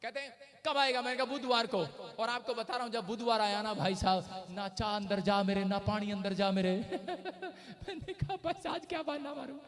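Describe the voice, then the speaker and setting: High-voiced pastor preaching in a church hall. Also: male voice, moderate pace. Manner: storytelling, acts out quoted dialogue, frequent "hallelujah" calls. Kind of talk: humorous sermon with anecdotes. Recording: reverberant church hall with congregation. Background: congregation responses.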